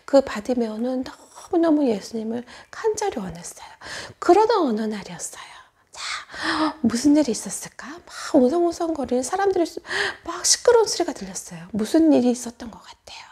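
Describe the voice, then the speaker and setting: A woman children's pastor giving a Sunday school sermon, telling a story and asking the children questions, often dropping into hushed whispers. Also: high-pitched, very animated, brisk, breathy edge.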